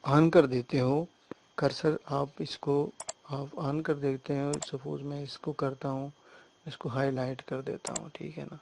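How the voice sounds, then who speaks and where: A man giving a screen-recorded software tutorial, explaining step by step and often checking that the listener follows. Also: mid-range voice, level tone, vocal fry, noisy background. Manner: hesitant fillers and restarts while working on screen.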